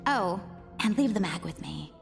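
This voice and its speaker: A young American woman voicing a bossy, impatient, sharp-tongued student in a video game. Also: mid-range voice, expressive, moderate pace, vocal fry. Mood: curt, casual. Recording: long hall reverb. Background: music.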